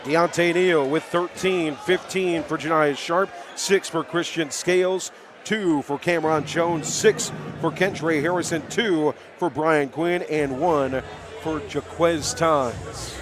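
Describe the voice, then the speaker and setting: Taking it slowly in a voice on the high side, a man calls a high school basketball game live on radio, pulling for the home team and exclaiming at the big plays. Crowd roar and bouncing balls echo through the gym.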